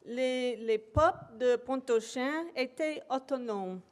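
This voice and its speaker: A woman invited to give an academic presentation speaks in a lecture hall, slowly and haltingly, with frequent pauses and fillers. Her voice is on the high side, and English is her first language.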